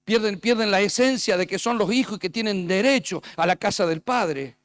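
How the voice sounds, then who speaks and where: A man's voice: high voice, moderate pace, a bit bright, dry recording. A man preaching a sermon as pastor, telling stories and acting out the dialogue.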